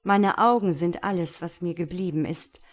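A woman's voice: fairly low pitch, moderate pace, natural voice. A woman reading a fairy tale aloud and voicing a selfless, sad statue prince who speaks earnestly and insistently. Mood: sorrowful. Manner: earnest, insistent, softly commanding.

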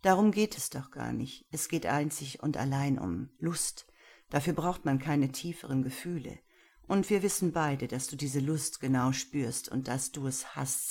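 A woman voicing a self-assured older man who speaks slowly with teasing calm. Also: very deep voice, creaky, slightly rough, exaggerated voice. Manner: slow, teasing, unhurried.

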